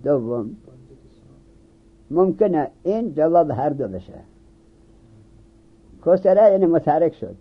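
A man's voice: on the high side, big pitch swings, long pauses, husky. A man giving a classroom grammar lesson, often asking questions and answering them himself. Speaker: seminary teacher. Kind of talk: classroom lecture on Arabic grammar. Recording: dull lo-fi recording.

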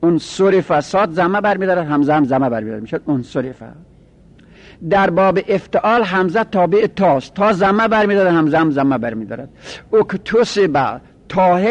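A man lectures in a methodical way, stating each rule and then repeating it. His voice sits a little high for a man. He sounds like a teacher talking a class through a lesson. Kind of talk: lecturing on Arabic grammar.

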